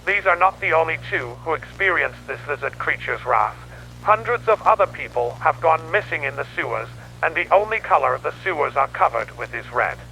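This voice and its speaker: Playing a grim newspaperman in scripted analog horror, a man recounts his investigation log with grave, dramatic storytelling. His voice is on the high side and sharp, a little fast with lively intonation, heard on a noisy, humming radio-like tape.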